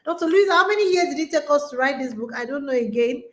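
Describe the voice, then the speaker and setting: A fast-talking woman in her forties, her high voice expressive, coaches women while hosting a conference. Speaking to an online audience, she drives her motivational message home emphatically, repeating rallying phrases to urge people on.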